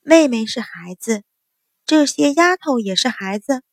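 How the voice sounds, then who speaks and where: A woman voicing a calm young eldest daughter, cool and faintly mocking. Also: high-pitched, unhurried, no echo, studio quality. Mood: cutting.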